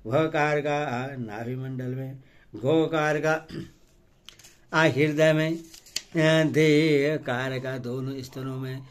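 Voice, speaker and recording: A man reading devotional scripture aloud and intoning ritual mantras in a measured way, with frequent hesitant fillers between phrases. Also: mid-range voice, fairly even intonation. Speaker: scripture reader.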